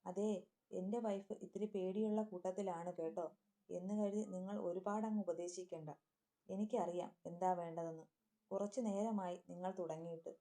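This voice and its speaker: A woman's voice: fairly low pitch, fairly even intonation, moderate pace, dark tone, natural voice. A woman voicing a young husband who gives curt orders. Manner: curt, commanding.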